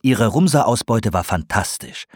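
Man, audiobook narrator, expressive, lively pitch, dry close sound. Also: unhurried, no room sound. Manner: expressive, melodic storytelling. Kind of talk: scripted storybook narration.

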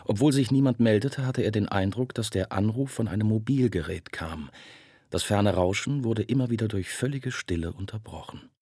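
Deep, husky male audiobook narrator. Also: mellow, no echo, studio quality. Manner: measured, grave storytelling. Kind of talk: scripted narration.

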